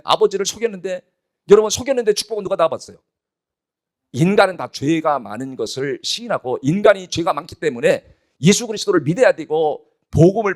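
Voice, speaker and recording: A man's voice: high-pitched, darkish tone. A male pastor preaching a sermon with emphasis, often putting rhetorical questions to his congregation.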